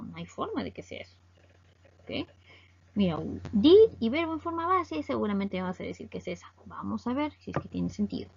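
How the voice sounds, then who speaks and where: A woman teaching English grammar step by step. She reads example sentences slowly and keeps checking in with her students. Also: on the high side, vocal fry, darkish tone, slightly rough, highs cut off. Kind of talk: recorded classroom lesson explaining grammar.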